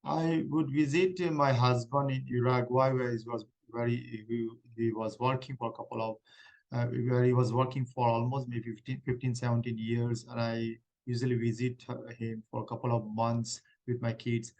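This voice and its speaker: A man playing a middle-aged woman refugee claimant in a mock hearing role-play, answering haltingly with many restarts. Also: medium pitch, flat delivery, darkish tone, lo-fi sound, lightly acted. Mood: earnest.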